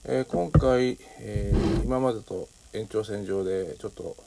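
An older man from Japan hosting a casual solo talk show, speaking with many fillers and a habit of tagging sentences with a soft particle. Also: on the low side, a little slow, gravelly, noisy background. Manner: frequent fillers and tag particle ne. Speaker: podcast host.

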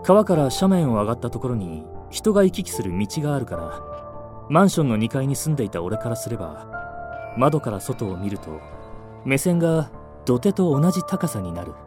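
A man narrating a first-person ghost story in a scripted, hushed telling that sinks to near-whispers at tense moments. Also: medium pitch, big pitch swings, normal speed. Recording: faint music underneath.

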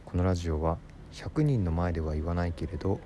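A man, a comedian with his own radio show, rambles through a story in a relaxed solo monologue, alternating rapid patter with stretched-out words. His voice sits low with lively intonation, and there's background noise.

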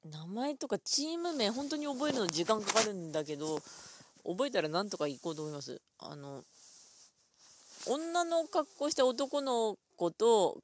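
A woman talking alone in a casual, rambling way, full of fillers, thinking aloud at her computer and drifting into quiet mumbles. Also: medium pitch, no echo. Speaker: solo podcast host.

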